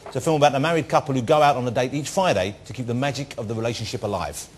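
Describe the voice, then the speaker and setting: A man hosting a chat show, cracking quick jokes. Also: mid-range voice, slightly rough. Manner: jokey, lively, quick quips. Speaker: talk show host. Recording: studio with loud audience. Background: audience laughter and applause.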